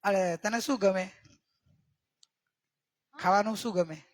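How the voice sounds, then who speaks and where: A man giving a religious discourse as a spiritual teacher. He keeps checking in with his listeners and draws key words out slowly for emphasis. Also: high voice. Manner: questioning, coaxing listeners with repeated checks.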